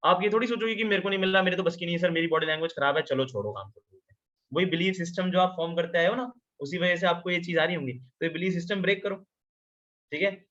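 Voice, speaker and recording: Male trainer, a bit high and sharp, chatty Hindi-English, dull call audio. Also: quick pace. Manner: animated, asks listeners questions, mixes English into Hindi. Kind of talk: virtual meeting training talk. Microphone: video call.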